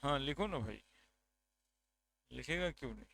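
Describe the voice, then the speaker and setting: A man's voice: medium pitch, expressive, normal speed, vocal fry, a bit bright. A man from India teaching a chemistry class, counting atoms aloud and checking with his students. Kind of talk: classroom lecture.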